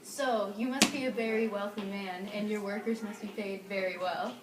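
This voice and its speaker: A woman's voice: mid-range voice, steady tone, moderate pace, very noisy, natural voice. A woman playing the host of an amateur parody show, presenting and questioning in a presenterly way. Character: female myth-testing show host and news anchor. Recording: echoey distant room recording under loud music.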